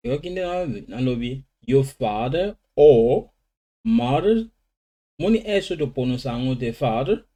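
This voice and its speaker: Man, Lingala speaker, beginner English lesson, slow word drilling, mellow tone. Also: medium pitch, animated. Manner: switches between languages, slow drilling of English words. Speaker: language teacher. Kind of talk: informal vocabulary lesson.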